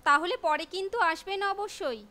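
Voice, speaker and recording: A woman's voice: very high voice, fairly quick, pushed and bright. A woman playing a fed-up, hard-working wife and mother in a melodramatic short film. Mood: everyday, caring.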